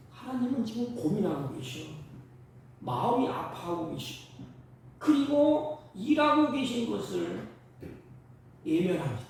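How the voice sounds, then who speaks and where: A male pastor preaching in a church, his fairly high voice edged with gravel. He swings into loud, emphatic bursts. The sound is echoey and distant, caught from across the hall. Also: a little hiss or hum. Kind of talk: sermon. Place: church sanctuary.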